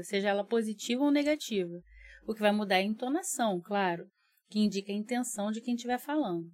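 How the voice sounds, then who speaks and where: A woman's voice: a little high, darkish tone, dry recording, studio quality. A woman with a Brazilian Portuguese accent, co-hosting a casual podcast and speaking straight to listeners. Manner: chatty, addresses listeners directly. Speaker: podcast co-host. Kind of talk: casual educational podcast chat.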